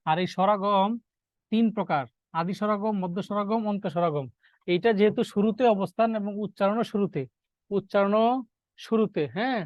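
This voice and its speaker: A man's voice: high voice, brisk, no room sound, muffled recording. A male teacher, giving a classroom grammar lesson, repeating key terms and quizzing his students.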